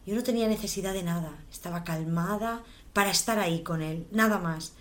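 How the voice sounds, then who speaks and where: Calm reflective woman in conversation. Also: on the low side, a little fast. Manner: calm, reflective, repeats words for emphasis. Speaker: mother. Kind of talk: conversational talk.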